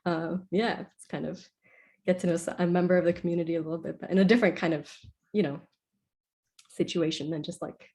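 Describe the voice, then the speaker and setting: Lower-voiced woman composer, chatty. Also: steady tone, fairly quick, darkish tone. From Iceland. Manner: chatty, many "like"s and self-corrections. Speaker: composer being interviewed. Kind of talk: casual interview answers.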